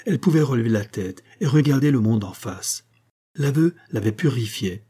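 A man reading a classic novel aloud in measured, unhurried narration. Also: medium pitch, lively intonation, dark tone, breathy edge. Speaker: audiobook reader. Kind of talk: literary audiobook narration.

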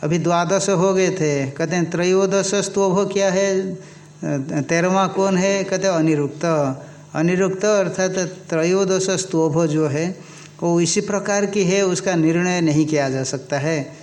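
A man giving a scriptural lecture, reciting Sanskrit verses and explaining them slowly and deliberately. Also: high voice, fairly even intonation, darkish tone. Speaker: teacher expounding an Upanishad.

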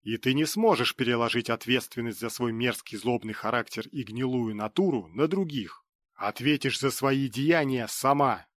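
A man reading an audiobook voices a weary emperor who speaks in a heavy, deliberate way. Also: mid-range voice, dry recording, clean studio sound, natural voice. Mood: grave. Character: weary emperor, adult man, grave and stern.

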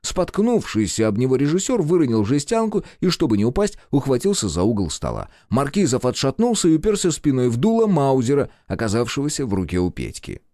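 A man narrating an audiobook in an expressive storytelling manner. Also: medium pitch, fairly quick, few pauses, dry recording, studio quality.

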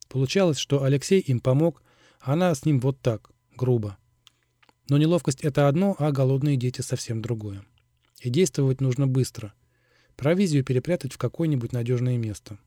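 Dark-voiced male audiobook narrator. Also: medium pitch, no echo, clean studio sound. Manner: steady, even reading. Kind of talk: scripted narration.

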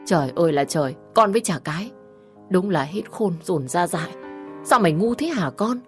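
A woman voicing a frantic, scolding older mother in a narrated story, raising her voice high and loud. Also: moderate pace, faint music behind, close to an everyday voice. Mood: wailing scold.

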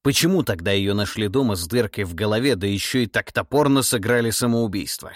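A man voicing a stern, cold middle-aged tsar in an audiobook, speaking in a measured, menacing, authoritative way. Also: lowish voice, dry recording, clean studio sound, natural voice. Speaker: monarch interrogating a relative. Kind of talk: audiobook character voice.

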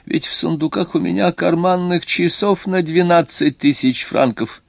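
A man's voice: on the high side, normal speed, creaky, no echo, studio quality, voice pushed up. A man reading an audiobook, voicing a fussy, anxious Swiss watchmaker who takes offence easily.

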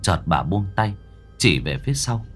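A man narrating a ghost story in a dramatic, expressive way. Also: fairly low pitch, moderate pace, soft background music.

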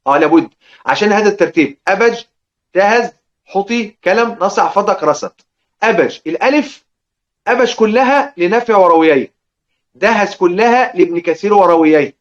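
High-voiced Egyptian man teaching a lesson. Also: highs cut off. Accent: Egyptian Arabic. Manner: lively, asks and answers his own questions. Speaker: Quran recitation teacher. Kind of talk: explaining a lesson to students.

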